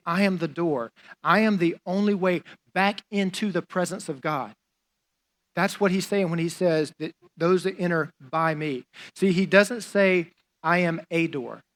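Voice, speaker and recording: A young adult man, a pastor, preaching a sermon in a conversational, emphatic way, often saying "like" and repeating phrases for stress. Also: a little high.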